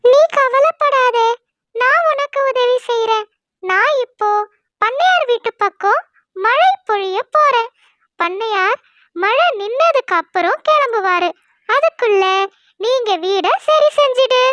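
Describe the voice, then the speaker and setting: Woman doing a kind soothing cloud, cartoon storybook, very high, close dry sound. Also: lively intonation, a little slow, no echo, heavily acted. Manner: gentle, soothing. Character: kind caring talking cloud.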